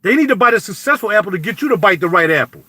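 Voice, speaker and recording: A man, riffing in animated, preachy street talk as a YouTube vlogger, recorded close to the mic. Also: high-pitched, racing. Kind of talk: casual spoken commentary.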